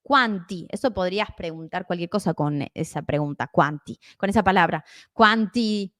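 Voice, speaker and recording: A woman in her twenties with an Argentine accent, teaching a live online language class in a chatty, encouraging way. She slows down to spell out words carefully. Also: lowish voice, fairly bright tone, no echo, clean studio sound. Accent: Argentine Spanish. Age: 20s. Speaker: Italian teacher.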